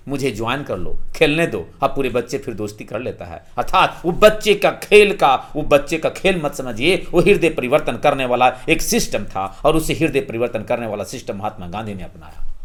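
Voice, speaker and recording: A man's voice: medium pitch, fairly quick. A man with a Bihari accent teaching a history lesson for exam students, posing questions and answering them himself. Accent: Bihari Hindi. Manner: lively, asks and answers his own questions.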